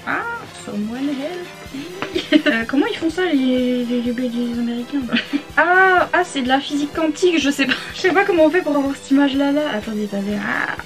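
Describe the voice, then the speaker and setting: A young woman from France chatting casually while unboxing books, excitable and often breaking into giggles. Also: sits high, fast, music in the background. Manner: giggly, excitable, often laughing between phrases. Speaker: book vlogger.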